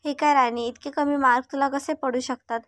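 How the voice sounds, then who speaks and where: A woman's voice: high voice, fairly even intonation, brisk, a bit bright, dry recording, studio quality. Kind scolding elder sister, read by a woman.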